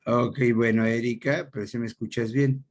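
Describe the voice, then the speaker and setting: A man's voice: medium pitch, fairly even intonation, moderate pace, slight background noise. A man teaching an online class, patient and checking often that his students follow. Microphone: computer microphone on video call.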